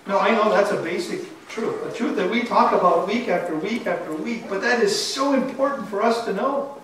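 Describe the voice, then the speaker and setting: A pastor preaching a sermon in a church sanctuary, earnest and emphatic, often asking the congregation rhetorical questions. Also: male voice, sits high, moderate pace, fairly bright tone, slight background noise. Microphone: far camera. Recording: echoey church from far off.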